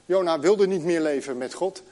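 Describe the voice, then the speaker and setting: A man's voice: a little high, warm tone. Dutch-speaking man preaching a sermon. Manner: storytelling, then reading scripture slowly with long pauses.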